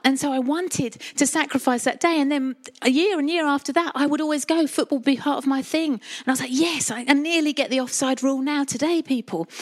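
High-pitched Essex woman preaching. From Essex, England. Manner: chatty, colloquial, uses rhetorical questions. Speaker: church preacher. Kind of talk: sermon with chatty personal storytelling.

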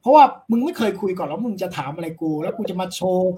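A man's voice: high voice, sing-song, quick pace, mellow. A man, a philosophy lecturer, talking bluntly and confidently with crude casual speech in an interview.

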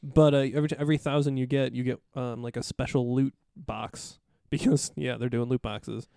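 A man's voice: medium pitch, steady tone, fairly quick, vocal fry, warm tone, smooth, dry recording, clean studio sound. A man co-hosting a casual gaming podcast, rambling with many fillers and plenty of enthusiasm. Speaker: podcast co-host.

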